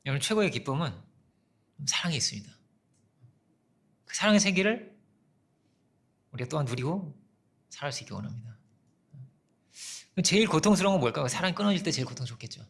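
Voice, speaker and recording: A male pastor giving a sermon in an animated, conversational way, often asking the congregation questions. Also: on the high side, brisk, pauses often, breathy edge.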